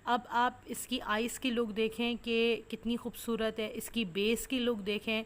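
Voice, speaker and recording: A woman's voice: on the high side, little pitch movement, a little slow. A woman makeup artist, narrating a makeup tutorial step by step, explaining products and techniques. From Pakistan. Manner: instructive, step-by-step explanations with many fillers.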